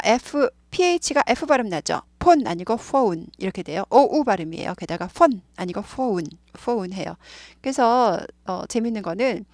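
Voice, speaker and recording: A woman's voice: mid-range voice, no room sound. Chatty woman teaching, dry close sound. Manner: chatty, many fillers like "예" and "네"; explains slowly, repeating words. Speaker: English teacher. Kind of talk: casual spoken lesson.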